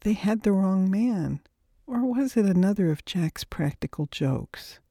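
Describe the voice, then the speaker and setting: A woman narrating a novel in a measured, steady reading voice. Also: mid-range voice, no echo, clean studio sound. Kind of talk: audiobook narration.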